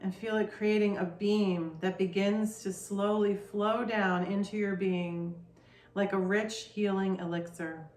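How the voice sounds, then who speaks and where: A woman leading a guided meditation with soft, soothing instructions. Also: mid-range voice, steady tone, unhurried, reverberant, faint music behind.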